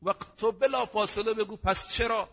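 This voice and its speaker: A man voicing a shrewd male caliph who calmly lays out a scheme in a low, measured tone. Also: gravelly. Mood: scheming. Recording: dull reverberant hall recording.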